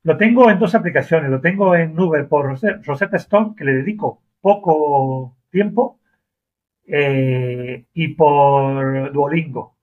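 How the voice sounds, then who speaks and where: An Argentine driver, a man with a fairly high voice, is being interviewed and speaks slowly. His conversational manner is earnest and emphatic, and he repeats himself. The audio is dull and lo-fi.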